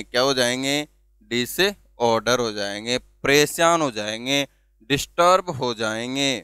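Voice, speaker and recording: Patient male tutor, slow and deliberate, dry close sound. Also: a little high, bright, forceful tone, clear, resonant tone, dry recording. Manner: repeats questions and answers them himself, spells words letter by letter. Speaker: English vocabulary teacher. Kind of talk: classroom-style video lesson.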